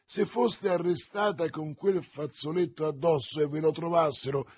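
A man's voice: a little high, normal speed, husky, pitched above the performer's own voice. A man voicing an ardent young swordsman in an audiobook, impassioned and gallant. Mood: insistent. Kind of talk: audiobook reading.

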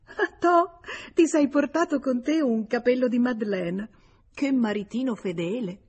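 A woman reading an audiobook gives voice to a jealous young woman, a hot-tempered lover with shrill, accusing outbursts. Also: lively intonation, takes it slowly, darkish tone, breathy edge, lo-fi sound, exaggerated voice. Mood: mocking. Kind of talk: audiobook character voice.

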